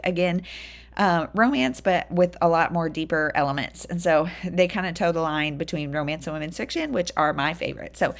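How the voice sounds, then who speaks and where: A woman in her thirties chatting enthusiastically about books she loves, with lots of fillers. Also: on the low side. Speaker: book vlogger. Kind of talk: casual book review chat.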